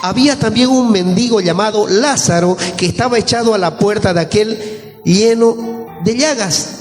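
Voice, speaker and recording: A man's voice: sits high, normal speed. A male pastor with a Bolivian Spanish accent preaching a sermon, explaining scripture and questioning the congregation. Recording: echoey church hall with faint music.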